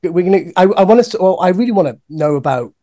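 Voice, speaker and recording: A man's voice: high-pitched, lively intonation, quick pace, dark tone. A man co-hosting a podcast, telling long rambling anecdotes in casual chat. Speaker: podcast co-host.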